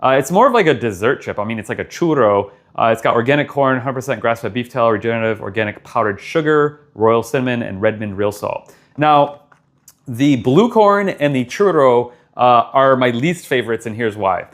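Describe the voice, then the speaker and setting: Male vlogger, mid-pitched voice, casual and enthusiastic product reviewer with emphatic delivery. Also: animated, normal speed.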